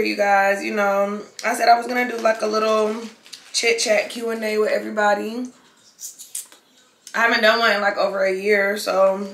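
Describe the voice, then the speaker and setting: A young woman with a medium-pitched, slightly bright voice and vocal fry chats casually to camera as she eats in a mukbang. Her slangy, loose talk is peppered with swearing and chewing between lines, captured in an echoey room with faint background noise.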